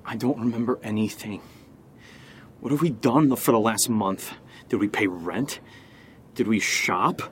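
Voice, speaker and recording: An actor playing Steve, a blunt, sardonic and exasperated friend in a horror audio drama. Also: male voice, on the low side, measured pace, long pauses, lightly acted. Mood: alarmed, bewildered. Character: Steve, profane, exasperated, sarcastic male friend. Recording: clearly noisy background ambience.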